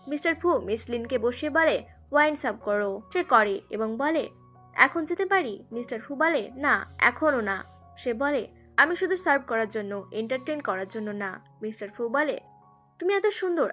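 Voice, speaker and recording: A woman's voice: a little high, a bit bright. A woman narrating a drama recap as scripted storytelling, reading out the characters' lines in her own narrating voice. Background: background music.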